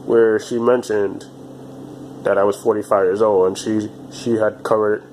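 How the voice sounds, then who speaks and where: Man, twenties, low voice, casual monologue, repeats and restarts phrases. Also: little pitch movement, darkish tone, slight background noise, poor audio. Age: 20s. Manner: halting and repetitive, restarting phrases. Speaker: vlogger.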